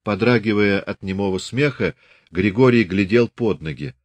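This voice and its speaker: A man with a low voice reads a literary novel aloud in a measured, even way. The recording is dry and close. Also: dry recording. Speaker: audiobook narrator. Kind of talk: literary audiobook narration.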